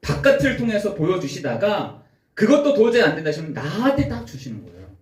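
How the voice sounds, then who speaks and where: A man's voice: high voice, wildly swooping pitch, a little fast, darkish tone, echoey room. A man preaching a sermon as pastor, voicing the pleas and replies of the people he tells of. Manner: preaches in rising and falling bursts, acts out God's and worshippers' words. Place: church sanctuary.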